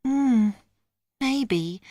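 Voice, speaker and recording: A price-wary woman customer played by an actress in a scripted dialogue. She speaks slowly in a fairly high voice, with a dry, close sound. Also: lively intonation, dark tone, dry recording, heavily acted. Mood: interested, hesitant. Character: interested, price-wary female shop customer. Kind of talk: scripted listening-test role-play.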